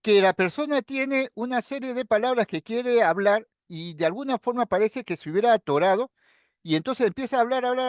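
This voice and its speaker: High-voiced man giving a dry, close lecture. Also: dry recording. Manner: explains calmly and step by step, addressing students directly. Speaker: psychiatry lecturer. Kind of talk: recorded lecture.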